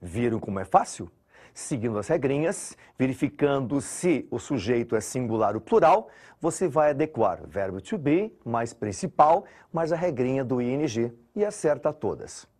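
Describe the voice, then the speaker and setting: A man's voice: mid-range voice, moderate pace. A man with a Brazilian Portuguese accent teaching an exam-prep English grammar lesson, explaining step by step and speaking straight to his students. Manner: lively, explains step by step and addresses students directly.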